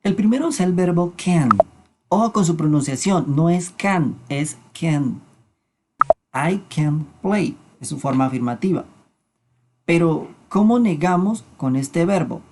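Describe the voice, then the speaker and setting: An English teacher explaining grammar in a lesson, repeating words slowly to model pronunciation and alternating explanations with spoken examples. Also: mid-range voice, animated, noisy background.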